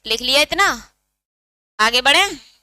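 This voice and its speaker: Woman, teacher, exam-prep lesson, asks and answers her own questions, bright voice, dry sound. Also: high-pitched, lively intonation, slow pace, no room sound. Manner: explains step by step, asks students questions and answers them herself.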